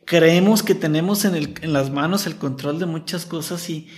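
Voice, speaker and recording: A man's voice: on the high side, normal speed. A man hosting a podcast, thinking aloud in a friendly way with his guest. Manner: friendly, reflective, calls guest "hermanito". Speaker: podcast host. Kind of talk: casual interview chat.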